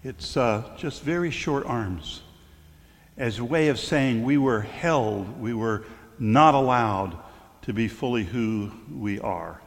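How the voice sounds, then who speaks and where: A middle-aged man delivers a sermon in a loose, storytelling way. He stumbles and restarts now and then, his voice at an ordinary pitch. The sound carries a long reverb, as in a large church hall. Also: takes it slowly. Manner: conversational storytelling with stumbles and fillers. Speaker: clergyman.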